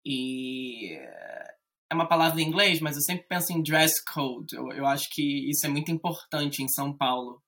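A man from Rio de Janeiro with a Carioca accent, chatting as a guest in a relaxed, hesitant way with many fillers. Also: on the high side, moderate pace. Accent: Carioca Brazilian Portuguese. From Rio de Janeiro, Brazil. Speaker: guest, English teacher. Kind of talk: casual chat.

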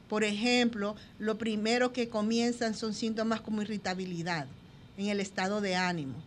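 A woman specialist explains in a mid-pitched, conversational voice, talking straight to the listener. Faint background noise sits under the radio recording. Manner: explanatory, addresses listener directly. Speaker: behavior specialist guest.

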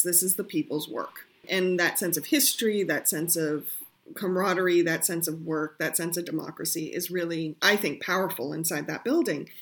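A woman hosting a radio talk show, asking musing questions with playful asides. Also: on the low side. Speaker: radio host. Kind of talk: casual radio interview.

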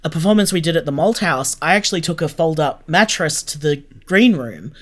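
A podcast creator appears as an interview guest, giving chatty, informal answers. His voice is fairly high and a bit bright, expressive, and fairly quick.

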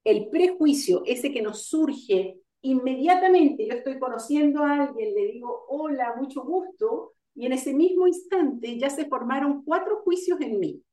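A woman giving an online lecture on coaching, explaining ideas step by step and pausing with fillers to gather her thoughts. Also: sits high, lively intonation, dark tone. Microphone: video call. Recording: roomy sound, far from the mic.

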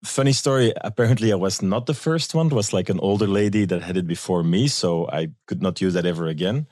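Speaking fast in a deep, slightly mellow voice, a tour guide and business owner from Belgium tells anecdotes as an interview guest, with a Belgian accent, acting out the dialogue he quotes. The studio sound is clean and dry.

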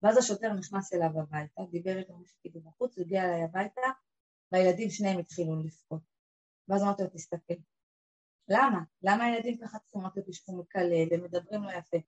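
A woman, telling an emotional personal story to a group and acting out the people in it. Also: dull audio. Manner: emotional, acts out quoted voices, lively swings of pitch and loudness.

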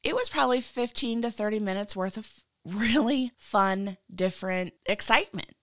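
A woman's voice: mid-range voice, normal speed, fairly bright tone, dry recording, clean studio sound. A woman in her thirties hosting a casual solo podcast, chatty, joking and self-mocking. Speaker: podcast host.

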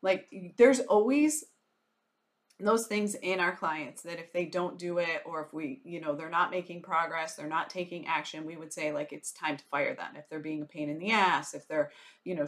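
A woman's voice: fairly low pitch, a bit bright. Chatty, frank woman podcast host. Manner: chatty, frank, laughs easily, many fillers. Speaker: podcast host, business strategist. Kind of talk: casual solo podcast monologue.

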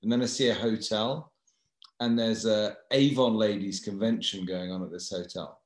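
A man's voice: lowish voice, fairly even intonation, moderate pace. A man with an English accent telling a story in casual chat, in a dry, self-mocking way. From England. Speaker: guest. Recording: echoey room.

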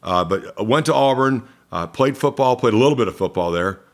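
A man in his fifties from Columbus, Georgia, in the United States, speaks with an American accent in a medium-pitched, expressive, brisk voice. He chats casually as an interview guest who works as a sports announcer.

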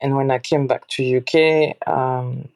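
A woman's voice: extremely low pitch, fairly even intonation, unhurried, darkish tone, dry recording, rough recording. French-accented woman, dry close sound. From France. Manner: loose, unpolished phrasing as she thinks aloud. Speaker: podcast guest. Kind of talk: casual interview talk.

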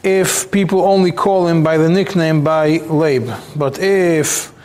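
A man teaching a religious text class, explaining slowly, restarting phrases and repeating words as he goes. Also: a little high, fairly even intonation, darkish tone. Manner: halting, repeats words, many fillers. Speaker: rabbi teaching a Talmud class. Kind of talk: explaining halachic texts to a class.

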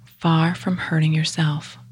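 With a deep voice and little movement in pitch, a yoga nidra teacher quietly guides a meditation, breathy and husky, often close to whispering. She speaks in brief, measured phrases broken by pauses, with no room sound at all.

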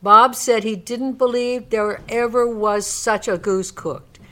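A woman's voice: on the high side, fairly even intonation, takes it slowly, pushed and bright. A woman narrator reading a classic story aloud in a dramatic scripted storybook style. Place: radio studio.

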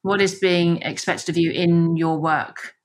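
A woman's voice: lowish voice, fairly even intonation, measured pace. A woman co-hosting a coaching podcast, speaking in a reflective, casual way and often affirming with "yeah". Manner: reflective, many affirming yeahs. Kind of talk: casual conversational podcast chat.

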